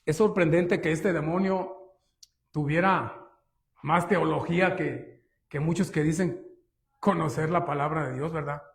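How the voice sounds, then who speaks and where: Man, pastor, sermon, high voice, emphatic, rhetorical questions. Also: steady tone, unhurried, long pauses. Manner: emphatic, rhetorical questions, often says "hermanos".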